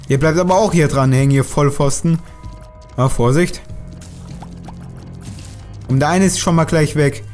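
A man narrating his own game run in a slightly higher voice, talking steadily and grumbling at the enemies on screen. Faint game music plays behind his commentary. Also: a little mellow. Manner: chatty, grumbling and swearing at enemies. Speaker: let's play host. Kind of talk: gaming commentary.

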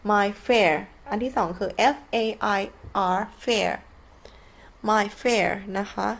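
A woman with a Thai accent teaches English at an extremely slow pace, her medium-pitched voice gravelly. She patiently spells words out letter by letter and repeats each one while explaining it, in a slow, patient classroom style.

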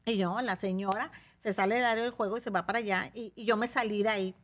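Animated Mexican woman telling a story. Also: medium pitch, quick pace. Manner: animated, acts out other people's voices in quotes. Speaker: talk show guest. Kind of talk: casual storytelling on a talk show.

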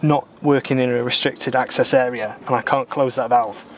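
A man in his thirties calmly explaining, step by step, how he repairs a boat part outdoors. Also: mid-range voice, normal speed, slight background noise. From Britain. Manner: calm, methodical, plain-spoken, mildly opinionated. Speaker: sailor doing boat repairs. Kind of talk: explaining repair steps while working. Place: outdoors in a garden workshop.

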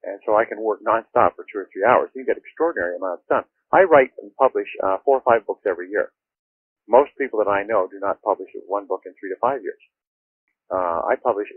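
A man's voice: on the low side, breathy edge. A man giving conversational productivity advice in a methodical, instructive way, heard through a telephone-like line. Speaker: productivity author and speaker. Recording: dry, tinny phone-like line.

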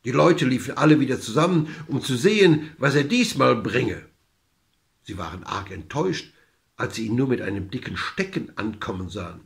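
A man reading a fairy tale aloud in an expressive, lively storytelling manner. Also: medium pitch, moderate pace, gravelly.

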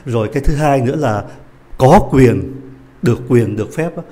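Mellow-voiced man teaching French. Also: medium pitch, expressive. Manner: patient, repeats and slows down French phrases. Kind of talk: language lesson explaining a dialogue.

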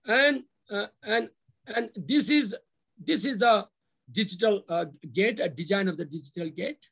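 A middle-aged man speaks with a clear Nepali accent in a high voice with a creaky edge. He presents slides over a video call, moving haltingly and repeating his phrases as he explains. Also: fairly bright tone. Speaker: university official presenting a development plan. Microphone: video call microphone.

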